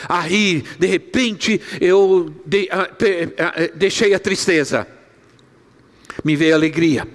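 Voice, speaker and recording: Older guy preaching in church, high voice, big echoey hall, tells stories and does the voices. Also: a bit bright. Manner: storytelling, acts out quoted voices. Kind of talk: sermon.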